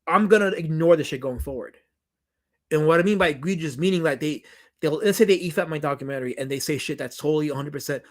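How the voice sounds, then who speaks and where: A man with a fairly bright, high-leaning voice and a New York accent hosts a casual livestream Q&A, reading viewers' comments aloud. As a documentary director, he answers in a rambling, emphatic manner, often restarting and repeating himself.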